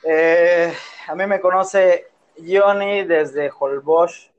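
The audio is dull, and the man speaks very slowly in a slightly high voice with fairly even intonation. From Yucatán, Mexico, and carrying a Yucatecan accent, he co-hosts a casual podcast playfully and ramblingly, recorded on a phone in his room.

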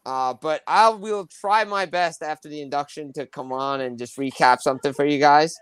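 A man's voice: on the high side, normal speed, fairly bright tone, clean tone, no echo. A man chatting casually as a contributor to a sports talk show.

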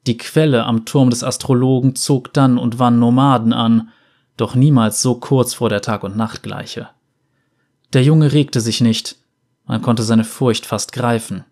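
A man reading a dark fantasy story aloud in a measured, dramatic way. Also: mid-range voice, steady tone. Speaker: narrator.

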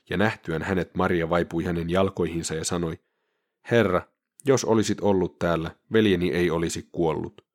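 A man with a very deep voice reads scripture aloud at a measured, solemn pace. The recording is dry and close, with no room sound. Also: dry recording. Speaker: scripture reader. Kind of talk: scripture reading.

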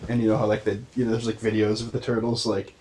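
A man's voice: lowish voice, flat delivery, fast talker, a little mellow, slight background noise. A man hosting a podcast, rambling in casual chat and swearing. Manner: rambling, laughs often, swears. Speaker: podcast host.

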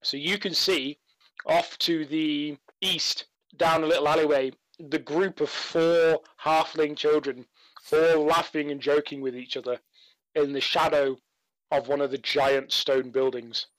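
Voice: medium pitch, steady tone, a little slow, no room sound, poor audio. Chatty tabletop game master. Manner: descriptive, loose, with fillers.

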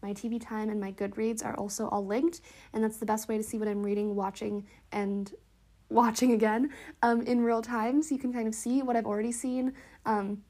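A woman with a fairly high voice talks casually as a solo podcast host. She sounds congested in the nose and a little wheezy. Her delivery is chatty, informal and upbeat. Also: level tone, normal speed, dark tone. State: stuffy nose, slightly wheezy.

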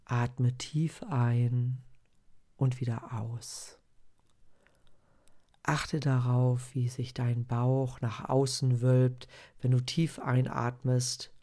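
A man speaking as a podcast host in the calm, instructive style of guided meditation and sleep-story narration, addressing a single listener. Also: mid-range voice.

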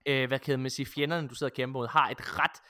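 Bright-voiced excitable Danish-speaking man. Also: mid-range voice. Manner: excitable, many fillers and restarts. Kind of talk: casual gaming chat.

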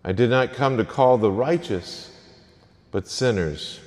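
A man's voice: mid-range voice, animated, measured pace, darkish tone. A man serving as a priest, reading the gospel and then preaching to an early morning Mass in a church. He speaks in an earnest, plain manner and sometimes repeats a word as he goes. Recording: long echoing church reverb.

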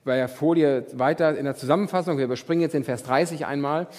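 A man preaching a sermon as a pastor, asking rhetorical questions and swinging between loud emphasis and whispers. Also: on the high side, quick pace. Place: church hall. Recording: long church hall reverb.

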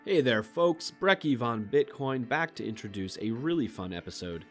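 A man's voice: mid-range voice, animated, normal speed, soft background music. A man co-hosting a podcast, chatting casually and joking as he corrects himself. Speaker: podcast co-host.

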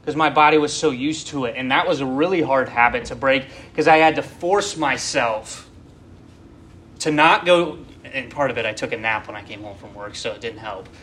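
A man's voice: medium pitch, normal speed, fairly bright tone, slight background noise. A man in his twenties giving a casual, rambling sermon and talking straight to his listeners. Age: 20s. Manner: rambling, conversational, addresses listeners directly. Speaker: preacher.

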